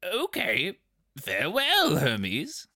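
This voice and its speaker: A man voicing a creepy, sly, rat-like male stranger who purrs and titters in a high voice. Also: huge pitch swings, very slow, sharp tone, full character voice. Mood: polite.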